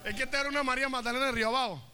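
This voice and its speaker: Pastor preaching, high bright voice, joking, gets the crowd to answer. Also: male voice, very fast. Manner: animated, comic, calls for congregation response. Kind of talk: sermon. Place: church service.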